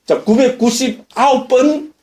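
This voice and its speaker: A middle-aged man, a Buddhist monk, giving a lively dharma lecture and asking his listeners questions. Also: very high-pitched, a little slow. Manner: lively, questions the audience often. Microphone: lecture recording.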